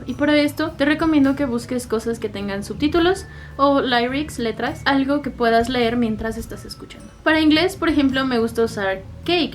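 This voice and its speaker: A language-learning YouTuber in her twenties with a Mexican Spanish accent chats straight to the viewer in a casual vlog explaining how she studies languages. Her voice is high-pitched, with slight background noise.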